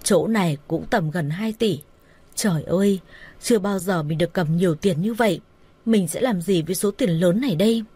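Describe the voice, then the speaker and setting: A woman's voice: fairly low pitch, normal speed, warm tone, husky. A woman voicing a greedy, violent young man who snaps harsh, scornful insults. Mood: scheming.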